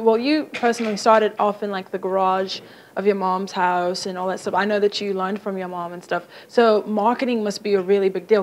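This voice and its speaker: A young adult woman hosting a talk show, asking questions in a bubbly way and saying "like" a lot. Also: medium pitch. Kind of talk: casual interview questions. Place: studio set.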